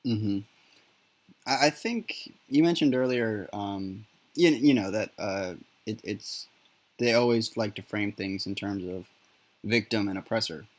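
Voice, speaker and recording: Halting low-voiced man hosting a talk. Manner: halting, many fillers and restarts. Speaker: podcast host. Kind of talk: casual discussion. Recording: poor audio with popping.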